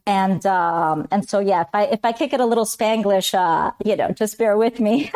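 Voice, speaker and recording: Woman, 40s; chatty guest, smooth clear voice, mid pitch. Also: moderate pace. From Colombia, raised in Miami. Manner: chatty, warm storyteller, switches into Spanish phrases. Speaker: podcast guest. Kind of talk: casual interview chat.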